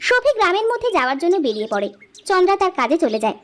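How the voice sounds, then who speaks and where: A woman narrating a cartoon story in a plain, steady storybook style. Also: extremely high pitch, very fast.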